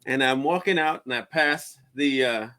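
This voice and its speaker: A man hosting a casual chat, telling lively stories and laughing often. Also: medium pitch, normal speed. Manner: animated storyteller, laughs often. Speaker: podcast host.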